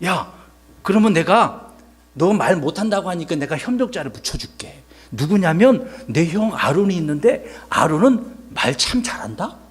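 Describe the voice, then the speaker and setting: A man voicing God as an exasperated, commanding father who scolds and gives orders in a husky voice. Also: high-pitched, very animated, normal speed, exaggerated voice. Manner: bossy, scolding.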